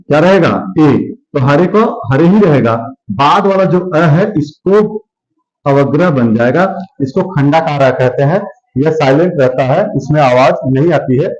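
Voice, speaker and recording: A man teaches a grammar lesson at a very slow, deliberate pace, repeating each word and answering his own questions. His voice sits a little high for a man. The recording sounds dull and lo-fi. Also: darkish tone.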